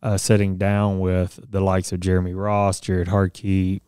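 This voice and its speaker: A man's voice: low-pitched, monotone, a little slow, mellow, clean tone, dry recording. A man in his thirties co-hosting a farm news podcast in a small studio, talking casually and reading crop statistics with frequent fillers. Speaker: podcast co-host. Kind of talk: casual radio-style news chat. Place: small studio office with bookshelves. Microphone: studio mic on boom arm, headphones.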